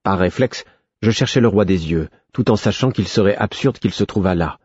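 A man reads a first-person story in a measured, literary audiobook style. His voice sits low and sounds husky. The recording is dry and dull, with no room around it. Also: darkish tone, no echo. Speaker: narrator. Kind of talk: scripted audiobook narration.

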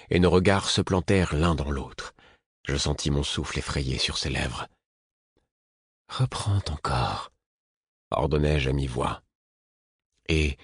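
A man with a husky voice reading a literary novel aloud in a measured, intimate first-person style. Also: extremely low pitch, no echo, clean studio sound. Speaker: audiobook narrator. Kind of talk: scripted literary narration.

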